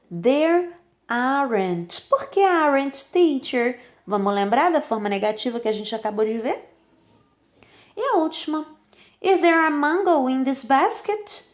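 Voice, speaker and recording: A Brazilian woman teaching an English lesson in a fairly high voice. She says her example sentences slowly and clearly and stresses key words with a bright, lively lift. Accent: Brazilian Portuguese. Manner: slow, careful example sentences with lively emphasis. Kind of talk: recorded online lesson.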